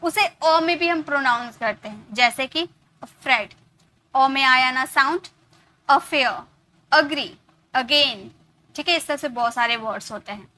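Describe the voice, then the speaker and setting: Indian lady teacher going over spelling rules, high voice, repeats words a lot. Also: measured pace, bright, forceful tone. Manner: repeats and drills words, asks questions. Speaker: English teacher. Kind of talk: spoken classroom lesson.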